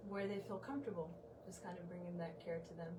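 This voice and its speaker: A woman's voice: lowish voice, fairly even intonation, quick pace. A woman in her twenties from Uganda, a medical student volunteer, answering interview questions in a hesitant way with many ums. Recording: distant mic with background noise.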